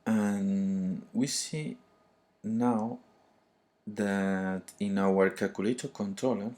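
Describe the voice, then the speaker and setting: A man with a thick foreign accent giving an unscripted tutorial, halting and often searching for words. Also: on the low side, warm tone. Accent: thick foreign, non-native English. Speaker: programming tutorial presenter.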